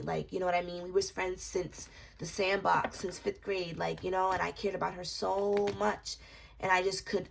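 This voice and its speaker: A woman's voice: on the low side, gravelly, husky. A young woman doing a casual tarot reading vlog, talking in a rambling, confiding way with lots of fillers. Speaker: tarot reader.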